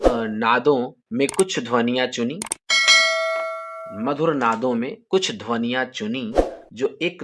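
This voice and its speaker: A man teaches music theory with a harmonium beside him, in a voice of ordinary middle pitch. He explains slowly and patiently, repeating each point and checking that the listener follows. The harmonium can be heard in the background. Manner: sings sargam syllables louder as examples. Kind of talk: harmonium tutorial.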